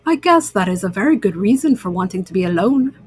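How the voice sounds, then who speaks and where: A woman's voice: medium pitch, animated, fast talker, husky, faint music behind, voice pushed down. A woman voicing an earnest, anxious male toad in a children's story, with a plaintive way of talking.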